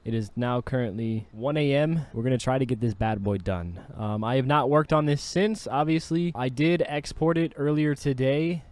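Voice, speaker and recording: A man's voice: medium pitch, normal speed, hardly any pauses, darkish tone, no echo. A man vlogging about producing his own song, talking in a laid-back, slangy, chatty way. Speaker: music producer and singer. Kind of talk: casual vlog talk.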